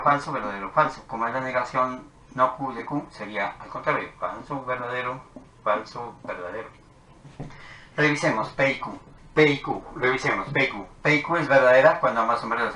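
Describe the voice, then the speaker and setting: A man's voice: medium pitch, brisk, sharp tone. A man teaching a logic lesson, talking methodically through truth tables as he writes them out. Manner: methodical, talks while writing tables. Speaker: math teacher. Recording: echoey room with faint noise.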